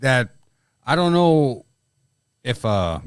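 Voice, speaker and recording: A man co-hosting a casual podcast, blunt and profane, tossing out quick crude jokes. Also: mid-range voice, big pitch swings, smooth, no echo, clean studio sound. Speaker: podcast co-host.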